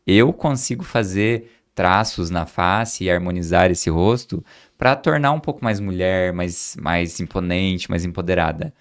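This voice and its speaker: A man with a fairly low voice hosts a conversational podcast interview. He explains his clinical work and briefly imitates what his patients and students say. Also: lively intonation, a little slow, hardly any pauses. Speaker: podcast host, aesthetics doctor.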